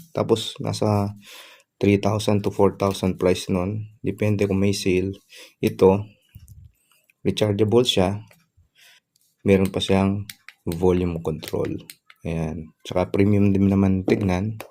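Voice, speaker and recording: A man calmly walks through a product review in a polite, explanatory way. His voice sits very low and stays level, with little rise or fall. A faint hiss sits under the recording. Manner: polite, plain step-by-step explaining.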